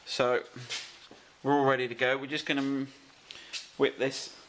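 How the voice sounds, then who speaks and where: A man's voice: medium pitch, little pitch movement, measured pace, crowd noise. Chatty man explaining a car job. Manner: chatty, directs helpers while working. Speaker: presenter of a car fitting video. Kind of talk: casual hands-on how-to explanation. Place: beside a pickup's open engine bay.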